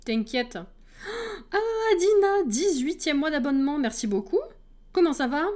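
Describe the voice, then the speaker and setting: A woman's voice: high voice, expressive, a little slow, a little mellow. A woman streamer in casual chat with her viewers, laughing often and greeting people as they come in.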